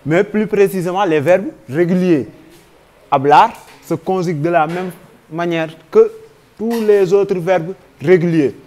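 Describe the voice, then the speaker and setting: A man's voice: high voice, a little slow, a little mellow. A man with a Senegalese French accent teaching a grammar lesson, patiently spelling out verb forms one by one.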